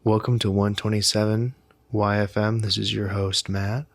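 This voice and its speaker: A laid-back new-age radio host, as a man puts him on, speaking softly and a little low in the voice of a late-night station announcer. The sound is dry and close. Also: flat delivery, normal speed, vocal fry, no room sound.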